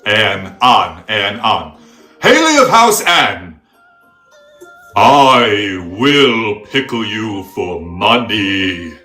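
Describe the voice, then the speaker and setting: A man's voice: on the low side, sing-song, extremely slow, bright, forceful tone, roomy sound, soft background music, heavily acted. A man playing a pompous, self-styled pickle priest who makes grandiose pronouncements in mock-archaic speech. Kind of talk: comedic character interview.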